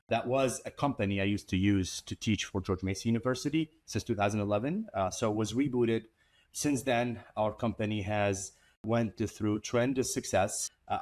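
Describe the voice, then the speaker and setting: Low-voiced Iraqi-born tech founder. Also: male voice. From Iraq. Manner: earnest, steady, some repeated word starts. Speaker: MSP company founder, guest. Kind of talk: conversational interview.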